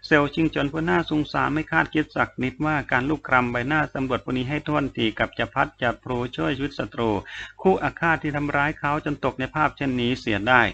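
Male novel narrator, even delivery, gravel in the voice; slightly muffled recording. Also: mid-range voice, slight background noise. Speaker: audiobook narrator.

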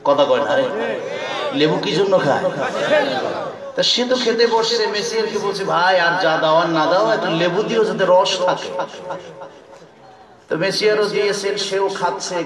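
A man preaching a humorous sermon at an outdoor religious gathering, telling jokey stories and repeatedly pressing the audience to answer him. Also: sits high. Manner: jokey storytelling, keeps demanding answers from the audience. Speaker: Islamic preacher. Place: open-air religious gathering on a field. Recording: echoey, distant, with crowd behind. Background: large listening crowd.

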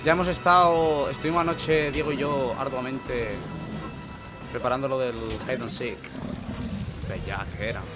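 A young man from Spain streams a speedrun, chattering nervously to his chat, swearing freely and breaking into frantic yelling when the pressure peaks. His voice sits at an ordinary middle pitch, and clear game music plays underneath. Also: steady tone, moderate pace. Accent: Spain Spanish. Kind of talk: live speedrun commentary.

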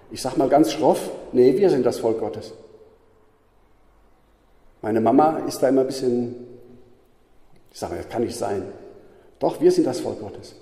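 Dark-voiced man teaching in an echoey hall. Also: medium pitch. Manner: emphatic, repetitive, frequent tag questions. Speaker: Bible teacher. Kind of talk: teaching talk. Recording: roomy echo with long reverb.

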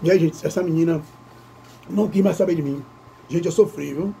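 A man chats animatedly with his viewers. His voice is high-pitched but dark, with a gravelly fry. A faint hum of the room sits in the background. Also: fairly quick. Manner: animated, addresses viewers as "gente". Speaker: vlogger. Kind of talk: casual storytelling during a mukbang.

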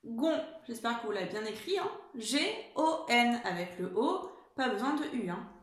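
A woman teaching a spelling lesson to young children at home, dictating slowly and carefully and encouraging them. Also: fairly high pitch, expressive. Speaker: primary school teacher. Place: room at home. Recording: echoey room.

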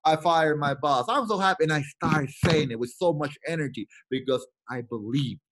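A man giving a motivational training talk to a sales team. He is emphatic and repeats himself, swinging between loud bursts and quiet asides. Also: on the high side, moderate pace. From Latin America.

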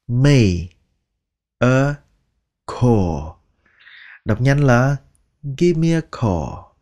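Slow, patient Vietnamese male teacher. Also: mid-range voice, a little mellow. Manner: slow, patient, repeats words one by one. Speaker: English teacher. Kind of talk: language lesson narration.

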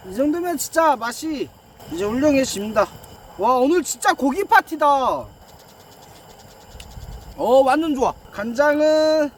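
A man's voice: extremely high pitch, animated, moderate pace, slight background noise. A man chatting casually as he narrates his own cooking and eating vlog. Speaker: mukbang vlogger.

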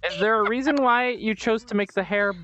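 A man's voice: sits high, brisk, muffled recording. A man hosting a casual game show in virtual reality, teasing the contestants' drawings in a playful way.

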